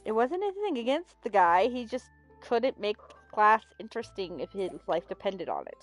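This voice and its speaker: A woman's voice: a little high, big pitch swings, moderate pace, faint music behind. A middle-aged woman hosting a game stream, chatting casually and telling stories with playful emphasis. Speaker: gaming host.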